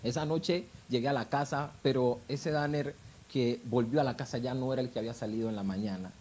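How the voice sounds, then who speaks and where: A man's voice: mid-range voice, steady tone, a little fast, darkish tone, a little hiss or hum. A married man, telling his personal faith testimony in a fervent, emotional way. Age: adult, married with children. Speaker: guest giving testimony.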